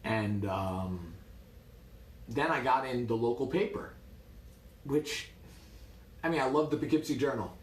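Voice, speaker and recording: A man from New York, a martial arts coach, telling a story in a lively, wry way. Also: mid-range voice, unhurried, long pauses, echoey room. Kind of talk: casual storytelling.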